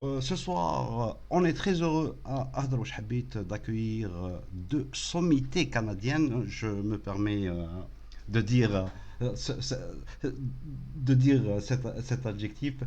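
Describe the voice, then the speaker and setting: A man's voice: medium pitch, lively intonation, dark tone. A man hosting a live online talk show, welcoming guests with many hesitations and restarts. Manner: halting, repeated hesitations and restarts. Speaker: host.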